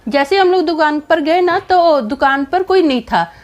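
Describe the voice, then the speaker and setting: A woman telling a personal story in a casual vlog, animated and dramatic, with many fillers. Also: high voice, moderate pace, lo-fi sound.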